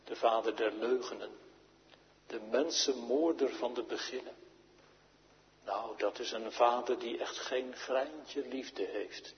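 A man preaching a sermon to his congregation, slow and solemn, with strong rises and falls in his voice. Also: mid-range voice, a little hiss or hum. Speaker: pastor. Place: church. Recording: dull, echoey church recording.

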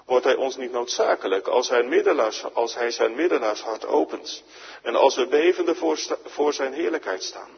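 A husky, gravelly-voiced man delivers a sermon, pleading with his listeners and swelling to emphatic climaxes. He acts out both sides of a dialogue between a sinner and Jesus. The recording is a dull, lo-fi church broadcast with a long hall reverb. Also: medium pitch, moderate pace. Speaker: preacher.

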